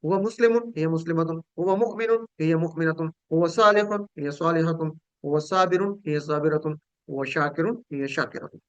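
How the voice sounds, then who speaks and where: A man's voice: a little high, a little fast, clear, resonant tone, dull audio. A man. He drills paired words over and over in a patient, repetitive call-and-response way. The sound is very dry and close, with no room echo. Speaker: Quran course teacher. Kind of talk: online Quranic Arabic grammar lesson.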